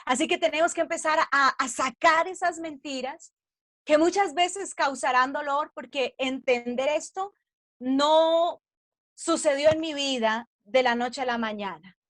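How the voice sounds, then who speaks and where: A woman with a high voice teaches a devotional message to women. She speaks earnestly and weaves in her own testimony. She asks her listeners questions, and the recording is dry and close. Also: a little slow, a bit bright, dry recording. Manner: earnest, personal testimony woven into preaching. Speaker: preacher.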